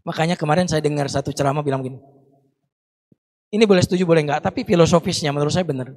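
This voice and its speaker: A man's voice: a little high, very fast, darkish tone. A young man preaching a Ramadan sermon to a congregation, chatty and teasing, breaking into recited Arabic prayers. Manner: conversational, teasing asides to the congregation. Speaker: Islamic preacher.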